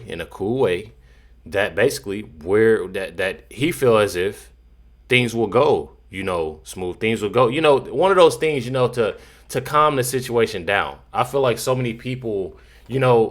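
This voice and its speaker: Low-voiced man rambling through casual commentary. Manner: rambling, repeats himself, frequent "you know". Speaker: commentator reacting to news clips.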